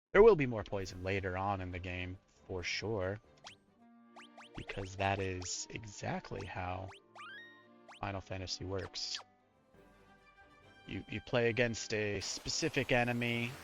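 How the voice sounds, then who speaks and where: A man's voice: fairly low pitch, fairly bright tone. A man giving casual, rambling, self-deprecating live commentary as he plays a video game. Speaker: game streamer.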